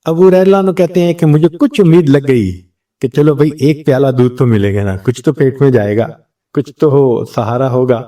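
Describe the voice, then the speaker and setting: A man's voice: medium pitch, mellow, far from the mic. A male religious scholar giving a sermon, telling a story and acting out the quoted exchanges.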